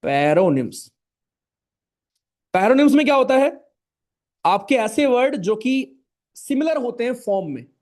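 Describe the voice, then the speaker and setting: An extremely high-pitched voice with lively intonation, a moderate pace, and a slightly mellow quality belongs to a young Hindi-accented man leading an online class. He is chatty and informal, repeats the main points, addresses his students as brothers and friends, and checks in with "right?" often.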